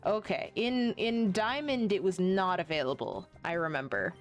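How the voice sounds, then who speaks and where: A woman's voice: fairly low pitch, expressive, moderate pace, faint music behind. A woman streaming a game, chatting casually, rambling and often gushing as she plays. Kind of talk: casual live-stream chat while playing.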